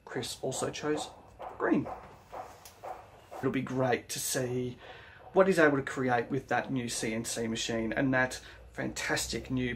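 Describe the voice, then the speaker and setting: A man's voice: mid-range voice, slight background noise. An Australian man narrating a casual woodworking vlog, enthusiastic and full of slangy praise. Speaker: woodworking vlogger.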